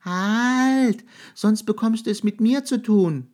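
A man voicing a small, brave female mouse in a children's story, calling out in a high, urgent voice. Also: takes it slowly, darkish tone. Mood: commanding.

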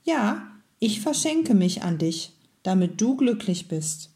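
A kindly beeswax candle in a children's story, speaking softly and wisely, as a woman voices it. The delivery is slow and the tone mellow. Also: mid-range voice, big pitch swings. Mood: gentle. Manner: soft and gentle. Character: kind, self-giving beeswax candle, gentle and wise.

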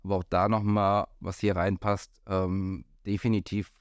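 A man's voice: deep voice, flat delivery, moderate pace, smooth, dry recording. A man talking as a golf pro in a casual podcast chat, hesitant, with many fillers and restarts. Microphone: studio microphone.

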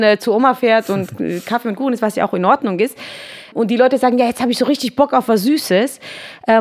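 A woman hosting a podcast conversation, chatty and rambling, with lots of tag questions. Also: on the high side. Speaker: podcast host.

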